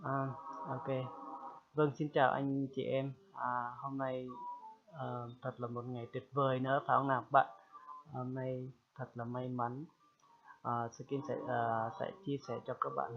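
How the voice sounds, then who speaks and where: Man teaching a language over a tinny line. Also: mid-range voice. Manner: repeats phrases slowly and loudly for learners; chatty, checks in with "được chưa?". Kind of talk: casual spoken lesson. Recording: tinny phone-like sound.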